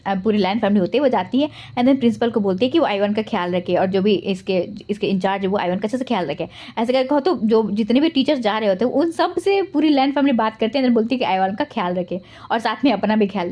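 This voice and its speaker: A woman narrating a fan story in a rapid, chatty way as channel host. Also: fairly high pitch, mellow.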